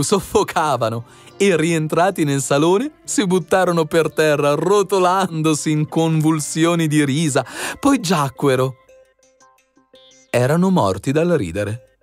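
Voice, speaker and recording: A man reads a fairy tale aloud in an expressive, animated way, his voice on the higher side and swinging widely in pitch. Soft music plays faintly underneath. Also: no room sound. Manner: expressive storytelling. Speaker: audiobook narrator. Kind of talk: scripted fairy-tale narration.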